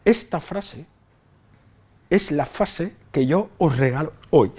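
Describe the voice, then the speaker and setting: High-voiced man telling funny stories. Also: expressive, takes it slowly, warm tone, husky. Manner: chatty, anecdotal, swears casually, asks the audience for agreement. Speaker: psychologist giving a talk. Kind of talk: humorous conference talk to nurses. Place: hospital hall with a live audience.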